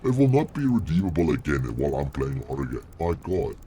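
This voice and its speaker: A man streams a horror game with his voice run through a deep, gravelly demonic voice changer, swearing and jumping at scares while talking to his chat. His pitch swings widely, his pace is quick and his tone warm, with slight background noise.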